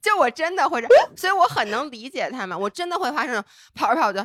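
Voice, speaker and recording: A woman's voice: sits high, very animated, fast talker, a bit bright, dry recording, studio quality. A woman podcast co-host chatting casually, teasing and playful. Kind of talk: casual chat.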